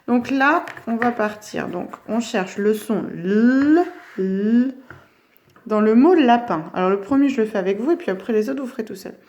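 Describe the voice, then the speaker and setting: A woman teacher giving a phonics lesson to young children, stretching each word slowly as she says it. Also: fairly high pitch, a little mellow. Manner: slow, drawn-out words for children.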